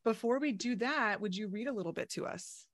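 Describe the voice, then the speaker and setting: A woman's voice: medium pitch, animated, brisk, no echo, studio quality. A woman hosting a book interview, talking in an enthusiastic, gushing way. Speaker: podcast host. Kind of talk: friendly interview chat.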